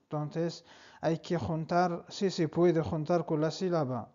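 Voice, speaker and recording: A man teaching an Arabic lesson, speaking slowly and repeating each word for the learner. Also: on the high side, dark tone. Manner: slow, repeats words for the learner. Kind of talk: online language lesson. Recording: dull lo-fi sound.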